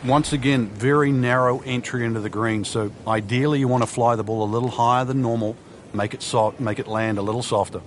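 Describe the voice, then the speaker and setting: A man's voice: medium pitch, fairly even intonation, fairly quick, natural voice. A man as a golf commentator, explaining the course in a conversational analyst's style. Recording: faint crowd and outdoor noise. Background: faint golf crowd and outdoor ambience.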